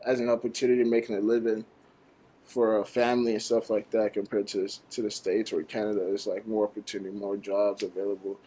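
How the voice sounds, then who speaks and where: A young man from Nigeria, a college basketball player, chatting casually as an interview guest, laid-back and halting, with many fillers. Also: fairly low pitch, flat delivery, dark tone. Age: young adult.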